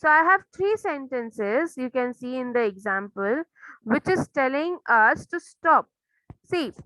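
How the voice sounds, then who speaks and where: An Indian woman teacher explaining a language lesson, moving between slow, careful English and rapid Hindi. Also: sits high, pushed and bright, no echo, low-quality recording. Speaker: school teacher.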